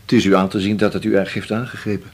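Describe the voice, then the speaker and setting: An actor playing a shrewd police inspector who questions slowly and keeps humming to himself. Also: male voice, fairly low pitch, flat delivery, slightly rough. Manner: slow, probing, drawn-out with many hums. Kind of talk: radio drama acting.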